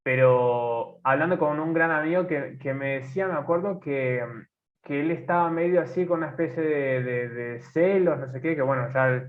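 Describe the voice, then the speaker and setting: A man in his twenties with an Argentine accent, co-hosting a casual podcast and talking haltingly with many fillers and restarts. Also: on the high side. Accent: Argentine Spanish. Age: 20s. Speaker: podcast co-host. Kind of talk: casual conversation. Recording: tinny phone-like sound.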